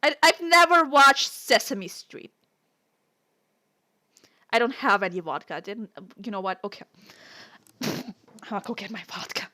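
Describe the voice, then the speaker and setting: A woman's voice: on the high side, very animated, a little slow, pauses often, pushed and bright. Giggly woman streamer. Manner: giggly, self-mocking, laughs often. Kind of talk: casual live-stream chat, reading a story aloud.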